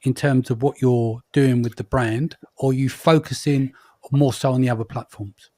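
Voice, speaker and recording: A man's voice: mid-range voice, fairly even intonation, moderate pace, darkish tone, no echo. A man hosting a podcast, giving brief listening murmurs and asking his guest follow-up questions. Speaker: podcast host. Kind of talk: interview questions.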